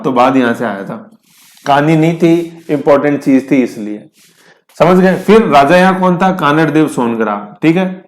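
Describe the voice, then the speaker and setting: A man's voice: fairly high pitch, roomy sound. A male teacher giving a chatty exam-prep history lesson, often asking rhetorical questions. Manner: chatty, asks students rhetorical questions, jokes with class.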